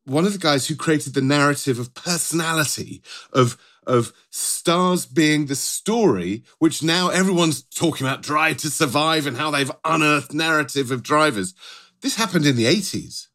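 A man's voice: on the high side, moderate pace, a bit bright. A middle-aged British man co-hosting a podcast in a conversational style, often rephrasing as he goes. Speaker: podcast co-host.

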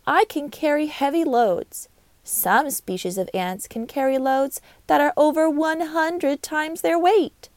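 A woman voicing a strong, busy female worker ant in a storybook, brisk and matter-of-fact. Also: high-pitched, darkish tone, no room sound. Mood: proud.

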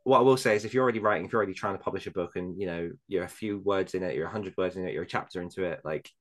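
A man's voice: deep voice, rapid-fire, fairly bright tone. A man co-hosting a podcast in casual, informal chat, often repeating words for emphasis. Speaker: podcast co-host.

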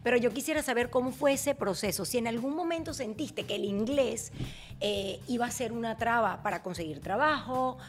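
A woman's voice: a little high, moderate pace. Playful woman hosting a podcast. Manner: playful, affectionate, teasing. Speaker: podcast host. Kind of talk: casual interview chat.

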